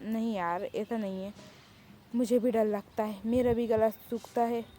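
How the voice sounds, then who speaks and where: A woman's voice: on the high side, fairly even intonation, a little slow, dark tone, a little hiss or hum, close to an everyday voice. A woman voicing a cheeky, boastful young woman who loves to pester everyone. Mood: teasing. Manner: brash, teasing, boastful.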